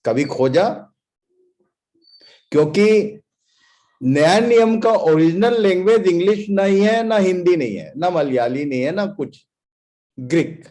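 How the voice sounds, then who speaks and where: Guy preaching a sermon, kinda high voice, asks the crowd stuff, throws in english bits. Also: expressive, unhurried, warm tone. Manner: quizzes the congregation, emphatic, drops in English phrases.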